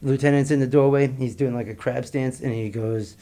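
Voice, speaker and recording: A man's voice: medium pitch, fairly even intonation, fairly quick, warm tone. A middle-aged man, a guest on a podcast, telling a long story in a rambling, profane way and laughing between lines. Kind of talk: casual storytelling.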